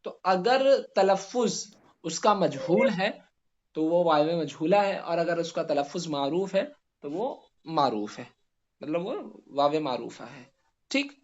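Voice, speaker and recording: A male grammar teacher giving a classroom lesson, spelling out letters slowly and putting questions to his students. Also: fairly high pitch, lively intonation, dull audio.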